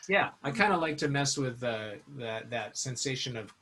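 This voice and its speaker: A man's voice: mid-range voice, animated, moderate pace, pushed and bright. A middle-aged man chatting casually as a podcast guest, rambling and laughing often. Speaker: guest musician. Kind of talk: casual interview chat.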